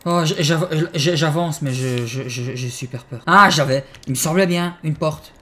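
A young man hosting a horror game let's play, excitable and swearing, yelping in fright and then muttering to himself. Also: on the high side, normal speed, noisy background. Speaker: gaming channel host.

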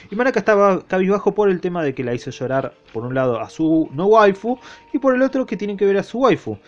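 A young man with an Argentine accent giving a casual spoken review of a manga, irreverent and slangy and swearing freely. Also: on the high side. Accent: Argentine Spanish. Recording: dull lo-fi recording.

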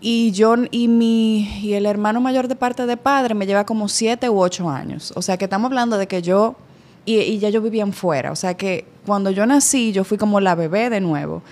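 A woman's voice: medium pitch, normal speed. Candid, chatty woman. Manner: candid, animated storytelling with lively quoted voices. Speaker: podcast guest. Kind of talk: casual chat.

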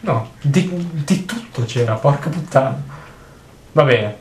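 A young man giving jokey, excitable let's play commentary while he plays, swearing often. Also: medium pitch, slow. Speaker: gaming video host. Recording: roomy with faint noise.

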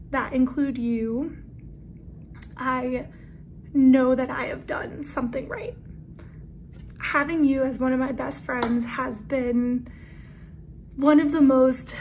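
A woman's voice: high-pitched, darkish tone, slight background noise. A woman giving an earnest, heartfelt birthday video message to a best friend. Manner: earnest, emotional, slightly self-conscious.

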